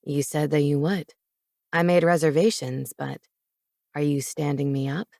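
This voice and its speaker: A woman's voice: steady tone, moderate pace, gravelly, darkish tone, no echo, clean studio sound. Woman doing a smug, teasing young guy. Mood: coaxing.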